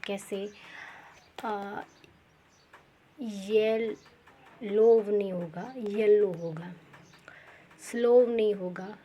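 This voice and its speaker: A woman teaching pronunciation rules, repeating examples and asking herself rhetorical questions, often pausing with fillers and correcting herself. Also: mid-range voice, darkish tone, slight background noise. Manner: slow, repetitive, quizzes with rhetorical questions; frequent fillers and self-corrections.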